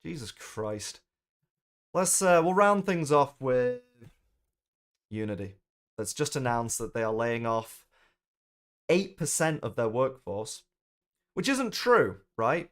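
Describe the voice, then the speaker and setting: British male streamer host, profane rambling rant, heated. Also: mid-range voice. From United Kingdom. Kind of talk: ranting live-stream commentary.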